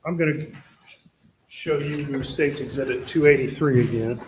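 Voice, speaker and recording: A man questioning a witness in a courtroom, measured and formal. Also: mid-range voice, darkish tone. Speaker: prosecutor. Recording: roomy courtroom audio with noise.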